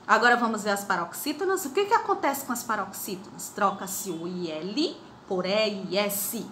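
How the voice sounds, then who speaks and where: A middle-aged woman teacher, giving a recorded video lesson to children, stretching words slowly and repeating the rules. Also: mid-range voice, fairly bright tone, roomy sound, slight background noise. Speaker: primary school teacher.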